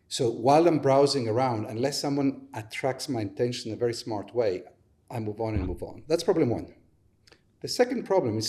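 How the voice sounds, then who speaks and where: Man, podcast guest, startup co-founder, methodical explainer, middle pitch, uses everyday examples. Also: dark tone. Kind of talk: explaining a business model in an interview.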